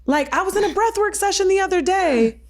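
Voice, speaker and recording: A woman's voice: very high voice, expressive, a little fast. A woman co-hosting a talk show, telling a personal story in a wry, reflective way. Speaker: podcast co-host. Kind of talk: casual chat.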